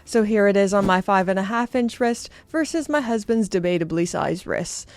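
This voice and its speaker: A woman's voice: medium pitch, normal speed, dry recording, soft background music. Upbeat Canadian woman reviewing watches. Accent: Canadian English. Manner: chatty, self-deprecating, upbeat. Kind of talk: casual product review.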